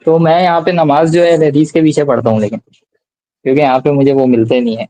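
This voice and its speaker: A male caller with a slightly raised pitch and a mellow, dark tone. He answers defensively and hesitantly, often breaking off and starting his sentences again. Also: level tone. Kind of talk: live debate call-in.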